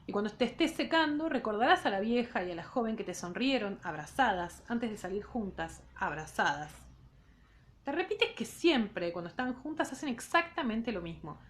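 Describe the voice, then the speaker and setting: A woman with an Argentine accent, a literature teacher, reading a novel aloud in class and pausing to comment on it casually. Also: on the high side, lively intonation. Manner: reads in second person, breaks off for casual remarks.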